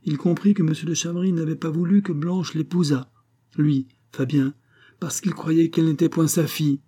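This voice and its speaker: Husky-voiced man narrating a novel. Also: fairly high pitch. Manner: measured, expressive storytelling. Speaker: audiobook narrator. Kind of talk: reading a 19th-century novel aloud.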